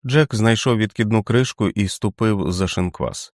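A man with a very deep voice reads a novel aloud in a measured, expressive way. The recording is dry and close-miked, with no room sound. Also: no room sound. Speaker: audiobook narrator. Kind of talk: scripted audiobook narration.

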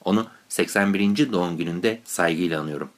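A man's voice: low-pitched, fast talker. A man reading scripted narration as a radio host.

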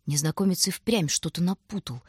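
A woman with a slightly husky voice reads a story aloud in scripted narration. Her delivery is expressive, and the close, dry recording has almost no room sound. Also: on the low side, brisk, no echo. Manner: expressive storytelling, voicing every character. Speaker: audiobook narrator.

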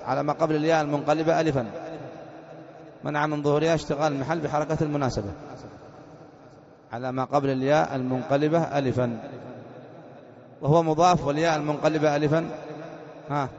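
A man's voice: on the high side, steady tone, fast, long pauses, a little mellow, big-room sound, lo-fi sound. A man teaching a grammar lesson as a sheikh, explaining step by step and quizzing his students as he goes.

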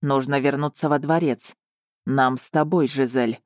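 A woman voicing a calm, composed young male emperor who speaks evenly. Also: rumbling low, measured pace, dry recording, studio quality, voice pushed down.

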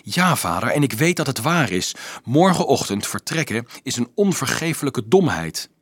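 A man's voice: mid-range voice, big pitch swings, moderate pace, slightly rough, no echo, studio quality. A man voicing an earnest, stubborn young boy in an audiobook, speaking urgently. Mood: insistent.

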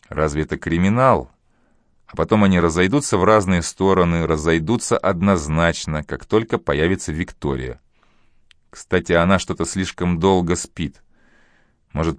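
Male audiobook narrator, very deep, steady measured reading, dry studio sound. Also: no room sound.

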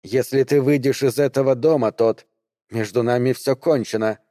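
A man's voice: medium pitch, steady tone, normal speed, warm tone, dry recording, studio quality, natural voice. A man voicing a scheming, seductive woman who pleads, coaxes and wheedles in an audiobook reading. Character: seductive scheming woman, ageless former ruler of the house.

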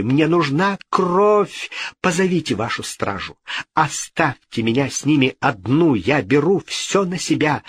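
A man's voice: mid-range voice, a bit bright, husky, dry recording, exaggerated voice. A male reader voicing a vengeful royal woman who threatens in a rising fury. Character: vengeful, furious royal woman, queen's sister.

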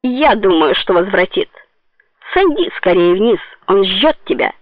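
A woman's voice: mid-range voice, sing-song, a little slow, no room sound. A woman voicing a mocking, bossy old woman in an audiobook, with a tinny phone-like sound. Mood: scornful. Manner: jeering, bossy.

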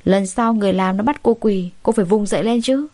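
A woman's voice: mid-range voice, a little fast, a little mellow, dry recording, lightly acted. A woman voicing a stern young husband who speaks firmly and commandingly. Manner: firm, commanding. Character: stern young husband defending his wife.

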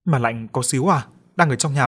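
A man's voice: medium pitch, fairly quick, breathy edge, lightly acted. A man doing a jumpy middle-aged builder. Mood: uneasy. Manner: alarmed, uneasy.

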